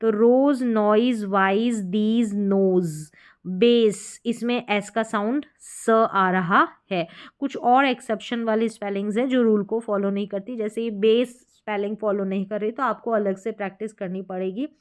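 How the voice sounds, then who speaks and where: Female teacher, patient and deliberate, repeats each example word and poses questions to the learner. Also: mid-range voice, fairly even intonation, smooth. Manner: slow, deliberate drilling of example words with questions to the viewer. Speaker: English pronunciation teacher. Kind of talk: classroom-style lesson explaining spelling rules.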